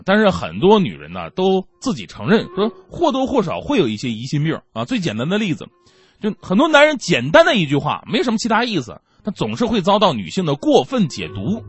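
A man's voice: high voice, husky. A man hosting a stand-up comedy show, telling stories with playful self-mockery and acting out the people in them. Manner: animated storytelling with acted-out quotes.

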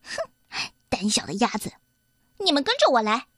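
A bouncy piglet boy with a high, bright, chirpy voice, as a woman puts him on. He is endlessly curious and nosy, firing off eager little questions like a storybook hero. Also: huge pitch swings, normal speed, dry recording, clean studio sound, full character voice.

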